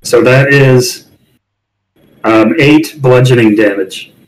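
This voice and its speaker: A man's voice: medium pitch, slow, low-quality recording. Man playing a tabletop game. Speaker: player. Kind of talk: casual tabletop play.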